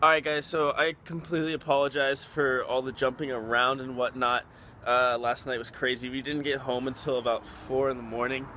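A young adult man from Texas chats casually and a bit quickly to the camera in a level, medium-pitched voice, using slang and some mild profanity. He's a vlogger and college rugby player, filming on a phone held at arm's length. The handheld audio moves between outdoors and indoors, with chatter in the background.

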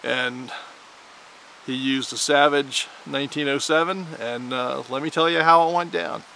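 A man hosting a firearms video, telling an old frontier tale in a folksy, animated way. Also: medium pitch, measured pace, creaky, a little hiss or hum. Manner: animated storyteller, with dramatic shouted quotes. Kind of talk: folksy historical storytelling.

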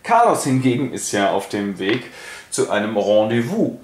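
A man casually retelling a classic play, chatty and colloquial, quickly acting out each figure. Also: on the low side, sing-song. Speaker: host. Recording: echoey room, faint hiss.

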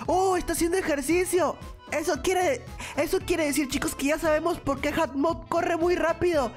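A woman hosting a gaming video, commenting excitedly to viewers and repeating phrases urgently over background music. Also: very high voice, normal speed. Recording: music behind the voice.

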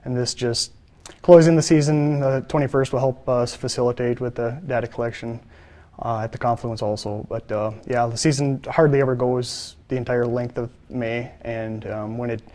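A fisheries biologist, a man in his thirties, gives interview answers while seated in a studio. His ordinary mid-range voice is steady and a bit dark, moving at a normal speed. He speaks plainly and matter-of-factly, with lots of filler "uh"s.

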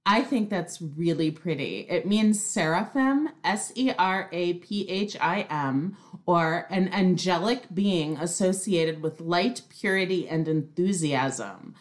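A woman's voice: fairly low pitch, slow. A woman co-hosting a podcast, chatting in a playful, upbeat way. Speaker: podcast co-host. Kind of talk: casual chat.

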